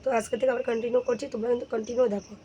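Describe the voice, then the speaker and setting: Hoarse fast-talking woman vlogging at home. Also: fairly high pitch, little pitch movement, dull audio, noisy background. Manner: chatty, addresses viewers warmly as friends. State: hoarse, sore throat. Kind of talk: casual daily-life vlog narration. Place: home kitchen and courtyard.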